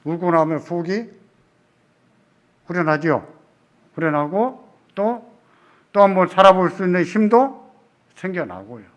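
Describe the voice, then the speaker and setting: A man preaching in a church, his higher-than-usual voice moving up and down with lively emphasis. He swings between loud, forceful calls and soft, hushed pleas as he delivers his sermon. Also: measured pace, pauses often. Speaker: pastor. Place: church sanctuary.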